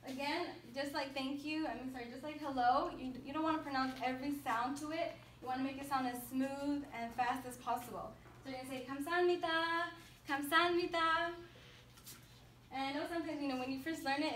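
A young woman student gives a class speech in a casual, rambling way, full of "like" and "um". Her voice is high, and the camera picks her up from a distance. The classroom adds echo, with faint room sound behind her. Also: slight background noise. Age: young adult. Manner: casual, filler-heavy, many "like" and "um". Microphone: far camera.

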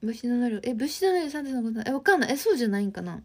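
Very fast and very animated, a woman in her twenties from Osaka, Japan, hosts a livestream, reading viewer comments and chatting with them in a friendly Osaka dialect. Her voice is fairly high and a little mellow.

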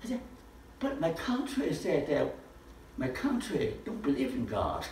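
This older lecturer's fairly high voice swoops wildly in pitch as he talks in an unhurried, darkish tone, with a bit of hiss or hum. He's giving a casual lesson in a living room with a projector screen, asking rhetorical questions and gesturing broadly. A distant camera captures it, leaving the sound echoey.

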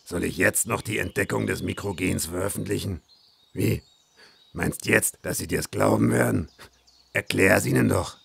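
An actor playing a gruff, clipped scientist friend with a raspy voice in a storybook reading. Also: male voice, low voice, moderate pace, fairly bright tone, full character voice. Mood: dry, wry. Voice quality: raspy, gravelly. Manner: clipped, drops pronouns, dry.

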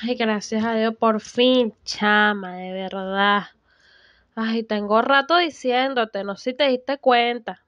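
A woman's voice: fairly high pitch, a bit bright, dry recording. A young woman with a Venezuelan accent playing a chatty, gossipy young mother who sighs theatrically and drags out her complaints. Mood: dramatic. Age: young adult. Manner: drawn-out, theatrical, sighing "ay" complaints. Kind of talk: comedic student film acting. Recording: dull, dry, lo-fi.

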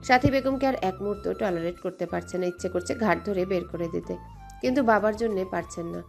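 A woman narrating an audio love story with steady, expressive storytelling. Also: medium pitch, fairly quick, vocal fry, soft background music. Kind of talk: scripted dramatic narration.

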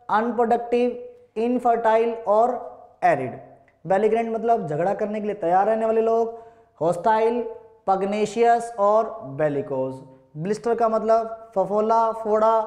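Mellow Indian man drilling vocabulary. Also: high voice. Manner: drills words with repeated call-and-answer questions; spells words out letter by letter, slowly. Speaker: English vocabulary teacher. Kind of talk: classroom-style online lesson.

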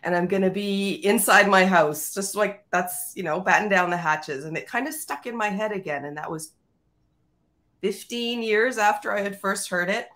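A woman's voice: mid-range voice, lively intonation, moderate pace, a bit bright. A woman from Canada, chatting as a guest on a video call and telling stories with plenty of fillers. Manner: chatty, storytelling, many fillers. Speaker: guest, tech editor. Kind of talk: casual chat.

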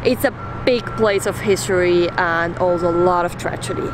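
A woman's voice: lowish voice, normal speed, noisy background. A woman in her thirties, a Swiss German native speaker, describing places to camera as a travel vlogger. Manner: informative, plain-spoken. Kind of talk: casual travel vlog narration. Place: outdoors on a windy beach.

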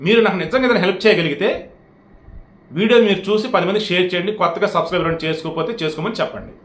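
Fast, heated man commentator. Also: sits high. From India. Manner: heated, scolding, rhetorical questions. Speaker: political YouTube commentator. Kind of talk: direct-to-camera political commentary. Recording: roomy echo.

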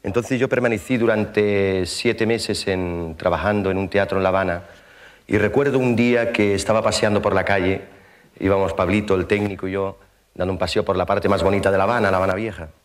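A man's voice: deep voice, a little fast. Man telling a comic stage monologue. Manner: animated storyteller with mouth sound effects; conversational, with frequent tag questions. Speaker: stand-up comedian. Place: theater stage.

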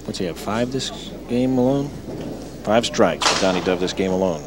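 A man's voice: low voice, animated, normal speed, background noise. A man doing play-by-play bowling commentary in an easygoing, joking manner.

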